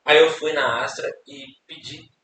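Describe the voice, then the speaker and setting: Speaking at normal speed with a slightly high voice and fairly even intonation, a young Brazilian man rambles casually through his life story as a podcast guest, repeating words and adding tag questions. The audio is hissy and echoey, from a distant mic.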